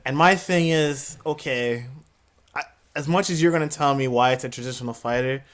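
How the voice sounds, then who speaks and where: A man's voice: mid-range voice, normal speed, fairly bright tone. Blunt, swearing man in a debate. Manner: blunt, profane, combative. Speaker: podcast panelist. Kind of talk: casual debate.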